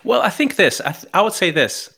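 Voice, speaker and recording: This middle-aged Chilean man's voice sits high and sing-song, brisk, with vocal fry, a sharp tone and a breathy edge. With a Chilean accent, he talks earnestly in casual conversation as a podcast guest, often starting his sentences over.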